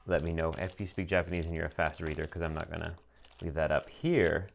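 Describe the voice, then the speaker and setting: A man's voice: very deep voice, fairly even intonation, brisk, vocal fry. A man reviewing a fountain pen as he unboxes it, chatting casually with lots of ums and some dry sarcasm.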